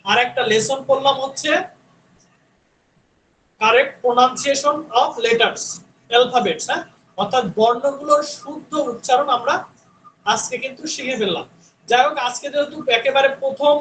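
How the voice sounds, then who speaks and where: A man with a very high voice teaches an online English pronunciation class. He repeats each sound several times and keeps checking that his students follow. The room is echoey, with faint noise behind him. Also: fairly bright tone. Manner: drills sounds by repeating them slowly, checks in with "হ্যাঁ?".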